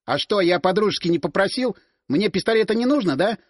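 A man's voice: high voice, animated, brisk, no echo, clean studio sound, pitched above the performer's own voice. A man doing an indignant teenage boy. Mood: sulky. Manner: indignant, sputtering. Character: touchy indignant teenage boy nicknamed Rat.

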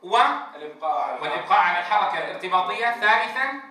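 A man's voice: high-pitched, fast, crowd noise. A man training Quran teachers in a lecture. He stretches out letter sounds to demonstrate them and keeps checking in with his class. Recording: very echoey room, distant mic.

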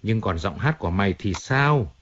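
A man voicing a stern older male crime boss who speaks gruffly and scornfully, in an audiobook reading. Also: on the low side, animated, normal speed, a bit bright, muffled recording. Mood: calm.

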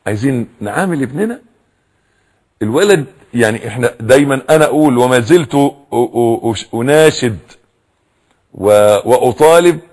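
Husky, lively Egyptian preacher. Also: male voice, mid-range voice, normal speed, long pauses. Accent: Egyptian Arabic. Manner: animated, acts out quoted voices and repeats for emphasis. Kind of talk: religious lecture on raising children.

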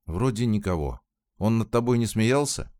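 A man voicing a tearful young woman who is torn and desperate, in a soft, pleading read. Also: lowish voice, expressive, moderate pace, no echo, voice pushed up, close to an everyday voice. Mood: wistful.

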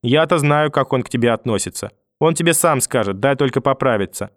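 A man's voice: medium pitch, lively intonation, brisk, dry recording, clean studio sound, close to an everyday voice. A man reading an audiobook and voicing a furious, vicious old grandmother who scolds, curses and threatens. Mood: screaming.

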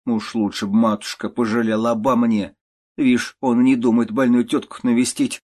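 A man's voice: fairly even intonation, fairly quick, slightly rough, lightly acted. A man voicing a sick, querulous old aunt who scolds and grumbles, in an audiobook reading. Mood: reproachful. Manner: scolding, grumbling, shrill outbursts.

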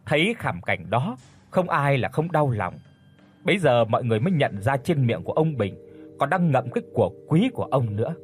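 Nam giọng đọc truyện ma, lên xuống giọng rất sinh động, kể đầy kịch tính, nhạc nền nhẹ. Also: male voice, medium pitch, fairly quick, husky, soft background music. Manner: dramatic, expressive storytelling. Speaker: narrator. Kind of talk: audiobook horror narration.

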